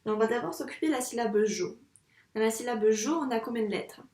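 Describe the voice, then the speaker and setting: A primary school teacher, a woman, guiding a young child through a handwriting lesson in a patient, encouraging way, saying each sound slowly as she writes. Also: a little high, darkish tone. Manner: says sounds slowly while writing. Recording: echoey room, mic at a distance.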